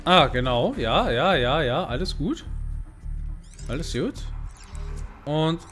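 A man's voice: fairly high pitch, very animated, slow pace, fairly bright tone, faint music behind. A man giving casual gameplay commentary as a let's player, muttering short remarks to himself.

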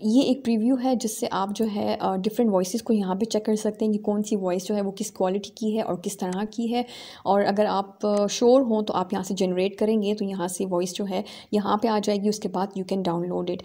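A woman hosting a screen-recorded software tutorial, explaining each step with small fillers. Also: medium pitch, steady tone, normal speed. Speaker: tutorial host.

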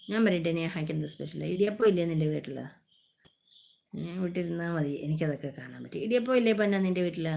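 A woman hosting a casual live stream, chatting warmly with viewers, greeting them by name, teasing them and asking for likes. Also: medium pitch, gravelly. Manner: affectionate, teasing.

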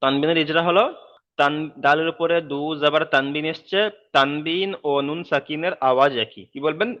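A man's voice: a little high, fairly even intonation, fairly bright tone. Man drilling Arabic letters in a sing-song voice. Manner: slow sing-song drilling of letter sounds, then quicker explanation. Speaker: Quran reading teacher. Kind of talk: recorded online lesson, spelling out Arabic letters. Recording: dull, muffled recording.

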